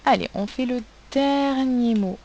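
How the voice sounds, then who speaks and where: A woman's voice: fairly high pitch, measured pace, a little mellow, lo-fi sound, slight background noise. A woman teacher giving a recorded spelling lesson to children, patiently spelling words out sound by sound. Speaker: primary school teacher.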